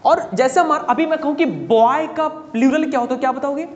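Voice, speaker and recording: A man's voice: very high-pitched, fairly quick, a little mellow, dull audio. Male teacher lecturing in an echoey classroom. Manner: quizzes students and drills pronunciation. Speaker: spoken-English and interview-skills teacher. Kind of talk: classroom lecture mixing Hindi and English. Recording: echoey classroom, faint hum.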